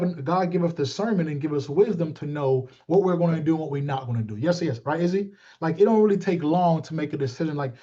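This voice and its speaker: A sales team leader in his thirties gives an informal motivational talk as a coach, his voice a little high and mellow. He repeats himself often and checks in with his listeners, and the video call audio sounds muffled and lo-fi.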